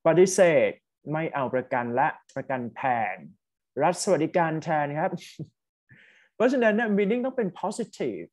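A man's voice: high voice, very animated, measured pace, a little mellow. A man with a Thai accent teaching a test-prep English lesson online, mixing English words into his Thai explanations and urging students to type their answers.

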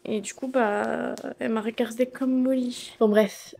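A woman's voice: on the high side, fairly even intonation, measured pace, vocal fry, dark tone. A woman vlogging casually to a phone camera, chatty and slangy, with a blocked nose and congested throat. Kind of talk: casual vlog chat.

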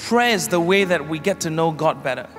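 A male pastor at a pulpit microphone, leading a prayer and preaching in short measured phrases with pauses for an interpreter. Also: a little high, animated. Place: large church hall. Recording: long hall reverb with music behind. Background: instrumental music.

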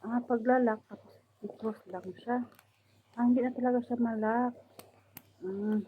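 A woman's voice: on the high side, fairly even intonation, measured pace. Woman from the Philippines, casual vlogger, lots of fillers, tinny phone-quality recording. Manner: chatty, many fillers, showing items to camera. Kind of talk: casual vlog. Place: indoors, room of a household abroad. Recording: tinny phone-like sound, faint noise.

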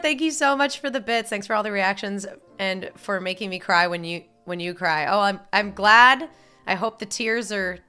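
Blunt young woman from upstate New York, casual streamer chat, bright voice, faint music behind. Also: medium pitch, clear, resonant tone. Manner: blunt, candid, swears casually. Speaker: live streamer. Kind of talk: casual live-stream chat, reading viewer messages.

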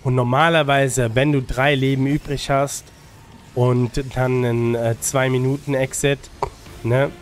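A mid-range male voice with a level tone, going a little slowly, comes through with slight background noise. The man, a gaming guide creator and streamer with a mild cold, gives relaxed gameplay advice using English gaming slang and frequent tag questions over music.

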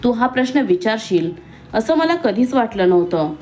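Woman voicing a stern, quick-tempered young man. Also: on the high side, sing-song, darkish tone, slight background noise.

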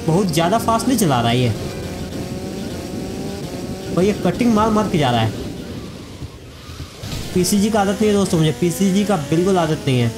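A man's voice: high-pitched, animated, normal speed, pauses often, music in the background. A man giving casual let's-play commentary, chatting to his viewers as friends. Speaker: gaming YouTuber.

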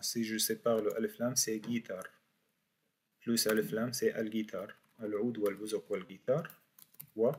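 A man teaching a beginners' class in French, slowly repeating each word for his students. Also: fairly low pitch, husky. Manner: slow, repeats words for learners. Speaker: Arabic teacher. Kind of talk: university language lesson.

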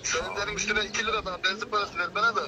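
A man's voice: sits high, fairly even intonation, racing, pushed and bright. A man negotiating a booking casually over the phone, on a muffled and very noisy recording. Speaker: wedding musician taking a booking.

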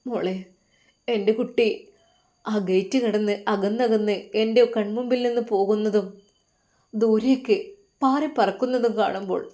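A woman voicing a grieving elderly father who is crying and speaks in soft, choked pleas. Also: mid-range voice, natural voice.

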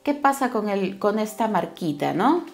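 A woman's voice: mid-range voice, sing-song, a little slow, a little mellow, soft background music. A woman reading tarot cards for her viewers, speaking affectionately and tagging her sentences with little questions. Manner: affectionate, with frequent tag questions. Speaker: tarot card reader.

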